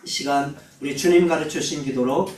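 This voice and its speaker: High-voiced preacher in an echoing hall. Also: male voice, fairly quick, a little mellow. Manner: earnest, personal storytelling then solemn exhortation. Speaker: missionary preacher. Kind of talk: sermon. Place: church hall. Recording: roomy echo, mic at a distance.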